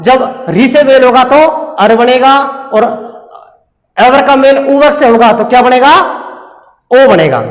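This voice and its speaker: A man's voice: very high voice, big-room sound. A man teaching a recorded lesson, explaining step by step and asking and answering his own questions.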